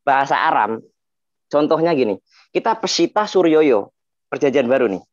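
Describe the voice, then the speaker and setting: A man explaining scripture dialects in a panel talk, slowly chanting verses between points. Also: medium pitch, expressive, no echo. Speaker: religious teacher explaining dialects. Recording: dull, dry lo-fi sound.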